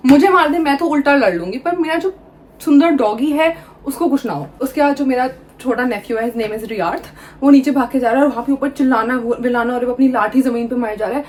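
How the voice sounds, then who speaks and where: A young woman vlogger telling an animated storytime tale, switching freely between Hindi and English. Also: sits high, fairly quick. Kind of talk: storytime vlog.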